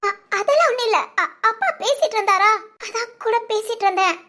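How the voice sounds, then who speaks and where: A woman voicing a young woman who grieves for her absent father, speaking softly and tearfully in an audio drama. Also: very high-pitched, fairly quick. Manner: soft, tearful and polite.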